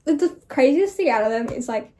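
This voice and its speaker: Young aussie girl vlogger, kinda high voice, slangy chatty reacting, amused like she cant believe it. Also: lively intonation, moderate pace, warm tone, slight background noise. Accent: Australian. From Australia. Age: young adult. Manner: informal, slangy, conversational. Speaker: online video creator. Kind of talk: casual chatty reaction commentary.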